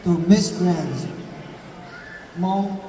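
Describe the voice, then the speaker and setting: A man's voice: sits high, extremely slow, mellow. A man speaking formally on stage as a pageant co-host. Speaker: pageant co-host, question translator. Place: large event hall. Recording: distant echoey hall, faint noise.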